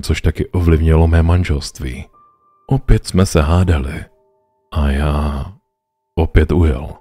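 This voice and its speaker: Deep-voiced man narrating horror. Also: mellow. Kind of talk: first-person horror narration.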